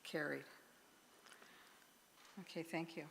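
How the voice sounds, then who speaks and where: A woman opening and running a church annual meeting at a microphone, halting with fillers and restarts. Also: deep voice, steady tone, vocal fry, fairly bright tone. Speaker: meeting organizer. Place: church sanctuary. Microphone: microphone with sound trouble. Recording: long church reverb, faint noise.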